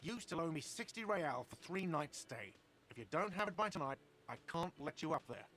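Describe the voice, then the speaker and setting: A man's voice: fairly high pitch, very animated, a little fast, sharp tone, slight background noise, voice pushed up. A man voicing a grumpy, sarcastic male cafeteria manager in a video game, nagging about money owed.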